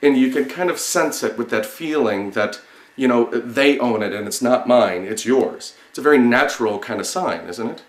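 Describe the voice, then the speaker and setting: Male class teacher, mid-pitched voice, halting step-by-step delivery with pauses, recorded in an echoing room. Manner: halting, explanatory, repeats single words with pauses. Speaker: sign language teacher. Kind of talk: instructional lesson, demonstrating word by word. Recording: roomy, echoing sound.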